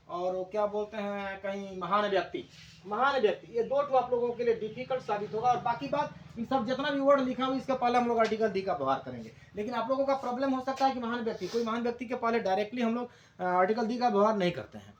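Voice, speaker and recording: A man teaching English grammar, explaining slowly in Hindi and repeating key words for his class. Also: very high-pitched, roomy sound, muffled recording.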